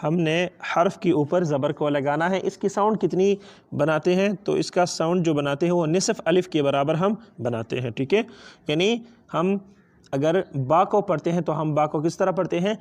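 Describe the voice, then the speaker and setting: With a Pakistani accent and a voice that is on the high side and a little mellow, a man gives a step-by-step lesson in reading the Quran. He switches back and forth between two languages, stretching out letter sounds and patiently answering questions he asks himself.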